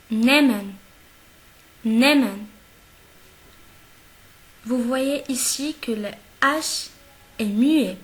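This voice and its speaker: A woman teaching a language lesson, speaking slowly and deliberately, repeating each example word several times and checking often that the listener follows. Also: a little high. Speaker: German teacher. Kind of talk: slow classroom-style language lesson.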